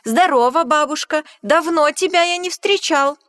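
A woman voicing a small, clever, boastful male mouse in a squeaky voice for a storybook reading. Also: slow pace. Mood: cheeky. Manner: bold, cocky, high excited cries. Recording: long hall reverb.

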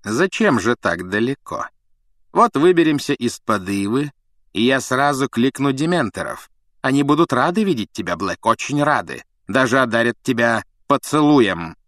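A man voicing a cruel, vengeful male professor who hisses threats and shouts in rage. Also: medium pitch, very animated, moderate pace, dry recording, clean studio sound, pitched above the performer's own voice. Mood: mocking. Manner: hissing menace turning to shouting rage.

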